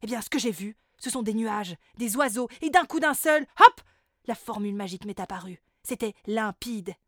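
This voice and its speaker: A woman's voice: a little high, expressive, normal speed, dry recording, clean studio sound. A woman voicing a vain, boastful male elf boy-band singer in a children's storybook, with a pompous, self-admiring manner. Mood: showing off. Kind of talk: storybook character voice.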